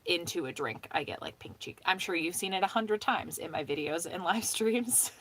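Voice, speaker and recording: A young woman chatting casually on a live stream, rambling with lots of "um" and "like", laughing often and talking fast with some mumbling. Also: on the low side, animated, a bit bright, husky. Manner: talks fast and mumbles at times.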